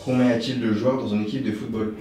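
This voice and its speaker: A man's voice: medium pitch, flat delivery, quick pace. A man reading out scripted quiz questions as an unseen question master. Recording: very echoey, distant, music behind.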